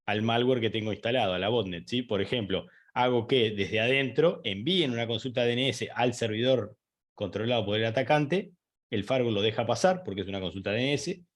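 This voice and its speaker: A man's voice: mid-range voice, a little fast. A man giving an online training lecture, explaining step by step with fillers, restarts and frequent checks with the listener. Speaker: instructor.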